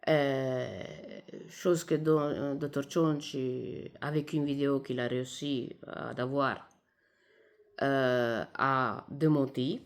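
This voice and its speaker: A woman from Italy, a native Italian speaker with an Italian accent in French, giving informal spoken commentary in a halting way as she searches for words. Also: very deep voice, steady tone. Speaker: video commentator.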